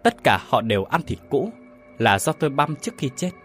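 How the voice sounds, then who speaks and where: A man's voice: mid-range voice, sing-song, brisk, a bit bright, faint music behind. A man voicing a bashful young female ghost in a horror story, who speaks shyly and snaps back. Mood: sad. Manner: bashful, then snapping. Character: shy young female ghost, sulky and gentle.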